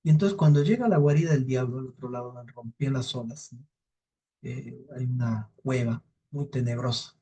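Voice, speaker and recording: A man teaching psychology, telling a folktale in a lively storytelling manner, often checking in with tag questions. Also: medium pitch, normal speed, husky, rough recording. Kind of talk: storytelling lecture.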